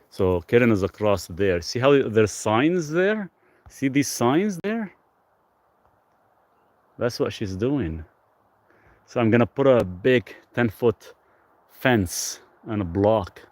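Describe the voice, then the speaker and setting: A man's voice: on the low side, expressive, slow pace, pauses often, no echo. A man from Lebanon chatting casually on an outdoor live stream, reading viewer comments aloud and answering them. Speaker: livestream host. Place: outdoors on rural off-grid land. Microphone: phone camera.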